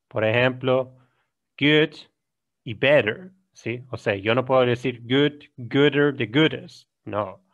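A man with an Ecuadorian Spanish accent teaching an English grammar lesson, explaining in Spanish, reading examples slowly and often checking "¿sí?". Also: medium pitch, fairly bright tone. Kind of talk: recorded classroom lesson. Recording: dull lo-fi recording.

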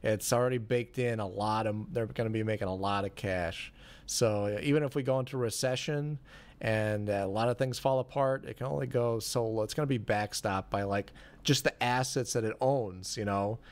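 A man's voice: fairly low pitch, moderate pace. A man hosting a casual podcast chat, rambling with lots of fillers and restarts. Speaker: podcast host.

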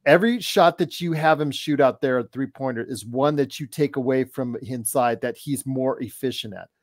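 A man's voice: mid-range voice, normal speed, no room sound, studio quality. Opinionated man hosting a sports call. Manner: opinionated, direct, addresses co-hosts. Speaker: podcast host. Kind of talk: casual sports talk. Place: home room on a video call.

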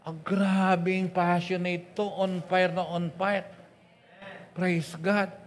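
A man preaching a sermon with a Pangasinan accent, mixing English into his talk, swinging between loud and soft and often calling out "Amen?" and "Praise God.". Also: sits high, flat delivery, slow pace, in a large hall. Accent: Pangasinan Tagalog. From Pangasinan, Philippines. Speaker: pastor. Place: church.

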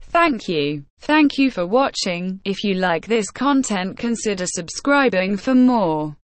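Synthetic woman host voice, mid pitch, bone-dry, monotone scripted announcements. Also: slow pace, no echo. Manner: flat synthetic text-to-speech reading. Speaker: gaming channel host.

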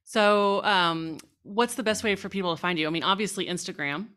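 A woman's voice: mid-range voice, fairly quick, a bit bright, smooth. A woman hosting a podcast, asking questions in an upbeat, encouraging way. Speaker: podcast host. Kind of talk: podcast interview.

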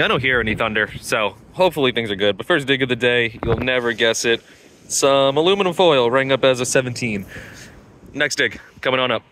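A man's voice: mid-range voice, a bit bright, slight background noise. Chatty young man hosting a beach vlog. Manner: chatty, addresses viewers directly. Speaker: host of a metal detecting vlog. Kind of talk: casual vlog narration. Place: outdoors at a beach. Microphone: handheld phone.

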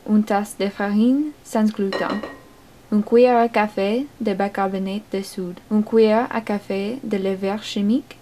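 A young woman, talking in a flat, detached, deadpan way, as in a mock art-film. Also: mid-range voice, slight background noise. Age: young adult. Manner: flat, detached, unhurried delivery. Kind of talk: deadpan art-film narration and phone scenes. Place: house kitchen, indoors.

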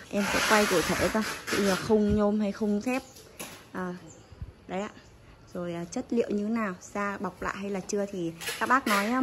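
A woman giving a casual, polite sales walkthrough as a seller, listing items and prices to customers while filming on a handheld phone. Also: mid-range voice. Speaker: bicycle seller. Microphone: phone held while filming. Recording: noisy handheld phone recording.

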